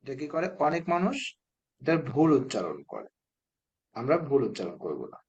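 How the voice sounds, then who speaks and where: A man, teaching spelling to a children's class, patiently repeating words slowly and quizzing the pupils. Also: medium pitch, very animated, a little mellow, slightly rough, dull audio.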